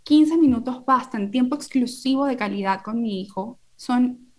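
A woman's voice: fairly high pitch, normal speed, darkish tone. A woman in her thirties, a parenting educator and podcast guest, explaining earnestly through everyday examples.

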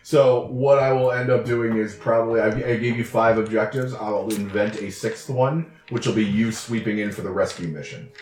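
A man's voice: on the low side, moderate pace, hardly any pauses, darkish tone. A man running a tabletop game as game master, explaining things casually and feeling his way through the phrasing. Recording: echoey room with background music.

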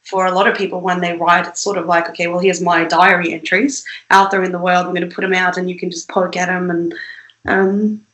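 A woman's voice: on the low side, level tone, a little fast, a bit bright, reverberant, low-quality recording. A young woman from Sweden, an independent musician, chatting casually as an interview guest with lots of fillers, restarts and laughs.

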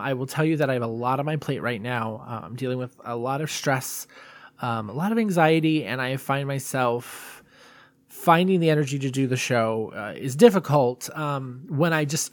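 A man's voice: medium pitch, moderate pace, no echo. A man hosting a solo podcast in a casual, confessional way, rambling and self-deprecating. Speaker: podcast host.

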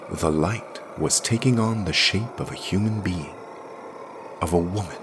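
Slow, deep-voiced male storyteller. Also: background noise. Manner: measured, expressive storytelling. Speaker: podcast story reader. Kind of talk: scripted narration.

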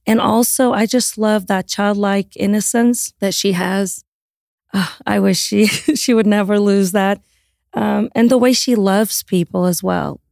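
A woman's voice: mid-range voice, steady tone, unhurried, vocal fry, darkish tone, no echo, clean studio sound. A woman speaking casually as a mother in a testimonial, in simple conversational phrases. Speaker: mother interviewee.

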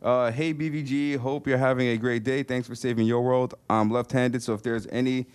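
Casual man, halting as he reads aloud. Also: mid-range voice, steady tone, clean tone. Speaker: co-host of a game developer show. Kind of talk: casual chat, reading postcards aloud.

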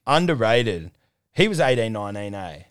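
A man's voice: on the low side, sing-song, moderate pace, smooth, dry recording, studio quality. Blokey, sweary Australian man. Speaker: podcast co-host. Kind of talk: casual sports banter.

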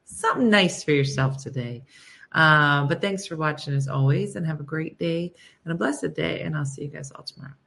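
A woman with a slightly low voice hosts a casual livestream. She sounds listless and low on energy, and she talks to her viewers in a dry, deadpan way. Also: normal speed, vocal fry. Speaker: host of a morning livestream show.

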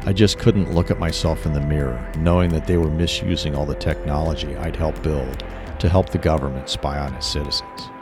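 A man's voice: rumbling low, fairly even intonation, fairly quick. A man voicing a paranoid middle-aged former tech worker who talks urgently and insistently, with music behind. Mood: earnest.

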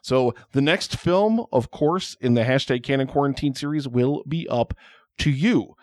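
A male podcast host talks loosely and casually, rambling and joking, and swears freely along the way. His voice sits at an ordinary middle pitch. The sound is dry and close, with no room around it. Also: unhurried, darkish tone, dry recording. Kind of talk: casual chat.

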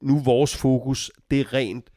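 A man's voice: medium pitch, little pitch movement, dark tone, dry recording. Laid-back guy making dry jokes in a chat, close dry mic. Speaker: podcast co-host. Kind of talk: casual chat.

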